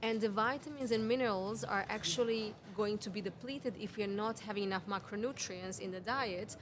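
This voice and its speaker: A Serbian woman in her thirties, a women's health mentor, is a guest on a conversational podcast interview recorded in a cafe, with background noise around her. Speaking non-native English with a Serbian accent in a mid-range voice and a little fast, she earnestly explains health ideas through strings of questions.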